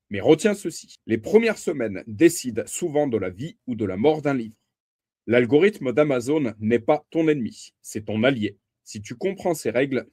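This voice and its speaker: A man's voice: medium pitch, darkish tone, slightly rough, dry recording. Man reading a book aloud, dry close sound. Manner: addresses listener as tu, occasional slips and self-corrections. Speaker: book reader and reviewer.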